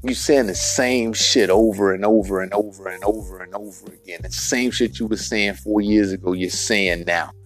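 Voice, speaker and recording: A man hosting a solo podcast rant, profane and emphatic, in street slang, repeating his points and spelling words out slowly. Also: on the low side, faint music behind. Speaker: podcast host.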